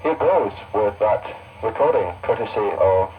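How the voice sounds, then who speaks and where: Heard over a tinny, distant, very noisy shortwave signal, a man presents on a pirate station broadcasting from Scotland. His fairly low voice is animated but unhurried as he reads loosely from notes in a casual, unpolished style.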